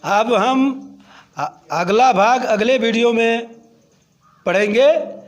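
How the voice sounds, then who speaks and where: Male teacher, high voice, unhurried word-by-word glossing for school pupils. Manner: slow, deliberate word-by-word glossing. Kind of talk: word-by-word translation lesson.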